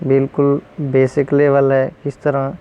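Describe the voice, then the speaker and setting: Calm man explaining pronunciation, dull recording. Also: mid-range voice, clear, resonant tone. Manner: repeats each rule and word slowly with a translation. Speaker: English teacher.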